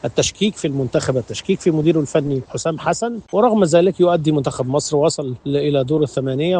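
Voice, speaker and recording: A man's voice: medium pitch, darkish tone, a little hiss or hum. A man from Egypt with an Egyptian accent, a guest sports journalist commenting without a script in an emphatic, effusive way. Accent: Egyptian Arabic. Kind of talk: unscripted commentary on radio.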